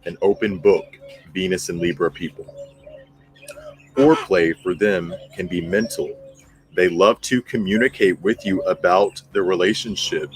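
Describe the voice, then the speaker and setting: On a rough recording with a bit of hiss or hum, a man speaks in a low, steady tone at a measured pace. He runs an astrology commentary channel, alternating between reading and ad-libbing, blunt and emphatic, repeating phrases for emphasis.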